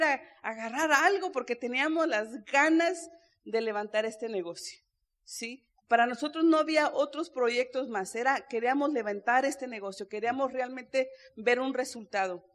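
A woman speaks from a convention stage, sharing her story in an earnest, personal way. Her voice sits high. She keeps turning to the audience and talking to them directly. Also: normal speed. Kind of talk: motivational stage testimony. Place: stage before a live audience.

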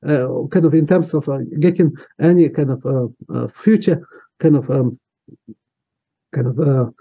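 As an interviewee, a man in his fifties from Ukraine tells his personal history in English, his second language, with a Ukrainian accent. His fairly high, slightly rough voice moves at a moderate pace, hesitant and full of fillers and restarts, and the lo-fi audio sounds dull.

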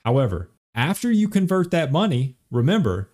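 A man's voice: fairly high pitch, sing-song, normal speed, darkish tone. A young man hosting a finance podcast, explaining retirement accounts step by step and checking in with the listener as he goes. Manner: repeats key points, checks in with "okay?" and "right?".

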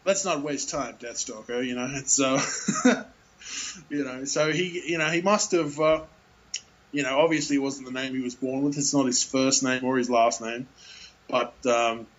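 A man's voice: medium pitch, steady tone, moderate pace. Man, casual talker, rambles with fillers and laughs, muffled lo-fi audio. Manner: rambling, many fillers and restarts, laughs often. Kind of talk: casual chat about films.

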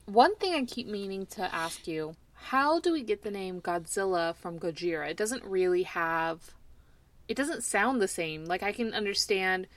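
A woman's voice: medium pitch, animated, normal speed, dry recording. A woman co-hosting a podcast in casual chat about a film, recapping scenes and asking questions. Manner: recaps scenes, asks questions, laughs easily. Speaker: podcast co-host.

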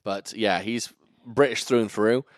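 A man hosting a casual film review chat, animated and profane, joking as he runs the talk. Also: on the low side, unhurried, no echo, clean studio sound. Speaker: podcast host reviewing a film.

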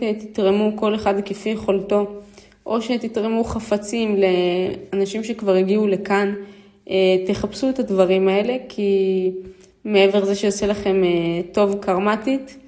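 A vlogger with an Israeli accent tells personal stories and appeals to her listeners, informal and hesitant, repeating phrases for emphasis. Her voice is mid-range with a dark tone.

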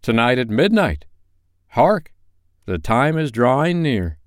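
A man voicing a solemn, sorrowful, aging male Christmas spirit who delivers grave, forceful warnings. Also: medium pitch, big pitch swings, takes it slowly, no room sound, studio quality, pitched above the performer's own voice.

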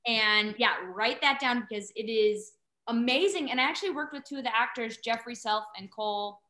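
A woman in her thirties chats casually as a guest, telling stories with lively energy and frequent laughter. Her voice is bright and slightly high. The recording has a noticeable roomy echo. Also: moderate pace. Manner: animated storyteller, laughs often. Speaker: actress guest. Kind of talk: casual chat.

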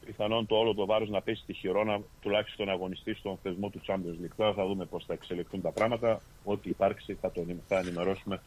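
Male sports podcast host, low voice, steady results reader who corrects himself as he goes. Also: few pauses, husky, poor audio. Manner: steady, methodical, with fillers and self-corrections. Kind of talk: reading sports results and casual chat. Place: lives in Australia.

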